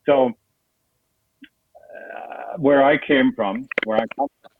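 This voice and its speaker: A man's voice: medium pitch, fairly even intonation, takes it slowly, no room sound. Man on a tinny line. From Sweden. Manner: rambling, many fillers and restarts. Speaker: guest, foundation founder. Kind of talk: casual interview over a call. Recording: tinny phone-like line with noise.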